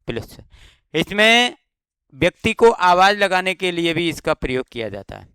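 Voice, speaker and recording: A man's voice: sits high, big pitch swings, normal speed, bright, forceful tone, smooth, dry recording. A man teaching an exam-prep grammar lesson with a slight Rajasthani Hindi accent, explaining step by step and answering his own questions.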